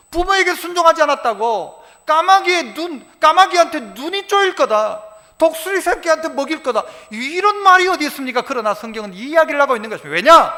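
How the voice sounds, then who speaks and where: A male pastor delivers an animated sermon, acting out little scenes of dialogue as he goes. His voice sits very high and bright, and it swings widely in pitch. The sound carries a long church-hall reverb. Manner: animated preaching, acts out quoted dialogue. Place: church sanctuary.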